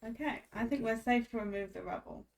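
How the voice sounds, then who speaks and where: A woman's voice: on the high side, fairly quick, gravelly. A woman playing in a tabletop game, chiming in with short chatty questions. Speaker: player. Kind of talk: casual tabletop play.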